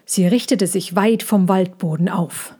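A woman reading a children's story aloud, slow and careful. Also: medium pitch, mellow, slightly rough.

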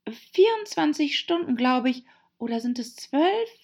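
Brief: woman playing a small, polite girl for an audiobook, pitched much higher, shy and courteous. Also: sing-song, unhurried, heavily acted. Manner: shy and polite, eager to show off knowledge. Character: polite, timid little girl, Alice. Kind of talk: audiobook character voice.

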